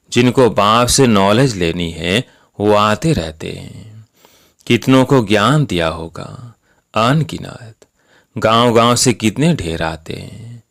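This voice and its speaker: A man reading a spiritual discourse aloud in a calm, measured, instructive way. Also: fairly low pitch, vocal fry. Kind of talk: slow devotional sermon reading.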